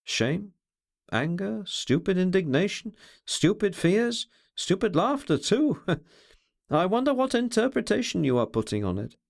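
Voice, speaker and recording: A man reading aloud, voicing a brooding, bitter man who talks over his feelings in an introspective, measured way. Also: sits high, big pitch swings, gravelly, voice pushed up, full character voice. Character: brooding, scornful, self-searching man.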